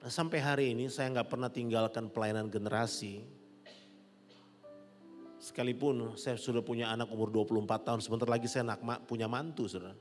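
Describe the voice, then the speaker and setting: Middle-aged pastor preaching in echoing hall. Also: male voice, medium pitch, fairly quick. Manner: animated, rising to loud peaks, laughing with the congregation. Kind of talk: sermon. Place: large church hall. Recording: long church hall reverb with soft music.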